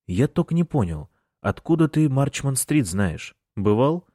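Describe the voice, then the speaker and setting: A man's voice: big pitch swings, measured pace, warm tone, slightly rough, dry recording, studio quality. A man voicing a cocky, crude young man who teases everyone. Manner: brash, crude, shrill.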